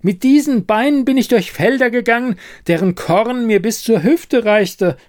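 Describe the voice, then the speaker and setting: A man voicing an excitable young village man who insists, eagerly and breathlessly, on what he has seen. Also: very high-pitched, moderate pace, pitched above the performer's own voice. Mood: insistent.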